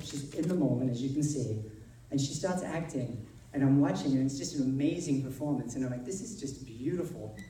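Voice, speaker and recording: A man's voice: mid-range voice, dark tone. Rambling man in far echoey hall. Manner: rambling, many restarts and fillers. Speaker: film director presenting an award. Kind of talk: heartfelt tribute speech. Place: festival theater on stage. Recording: echoey hall heard from far off, faint noise.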